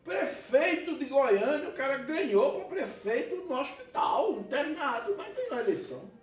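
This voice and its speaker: A man with a Brazilian Portuguese accent, a pastor preaching an animated sermon with laughter and asides. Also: very high voice, normal speed, soft background music. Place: church hall. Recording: echoey church hall, mic at a distance.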